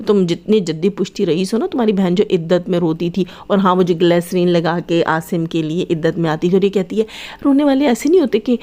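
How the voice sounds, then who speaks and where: A woman rants in a heated, taunting commentary. Her voice sits fairly low and sounds dark and mellow. She scolds her targets head-on, as if they were in front of her. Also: steady tone, hardly any pauses. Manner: scolding, taunting, addresses rivals directly. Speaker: vlogger commenting on other vloggers.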